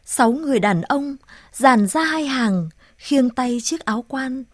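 A woman narrating a story aloud in a measured, solemn reading voice. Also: high-pitched, lively intonation, dry recording, studio quality. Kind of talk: audiobook narration.

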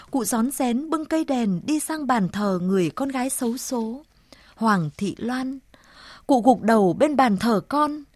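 A woman narrating a story in a slow, measured, solemn reading. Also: high-pitched, darkish tone, no echo, studio quality.

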